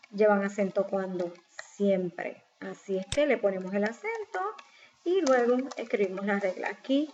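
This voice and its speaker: A woman's voice: medium pitch, a little mellow. A woman teacher patiently explaining a spelling exercise step by step, asking questions and answering them herself. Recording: slightly dull lo-fi recording with faint noise.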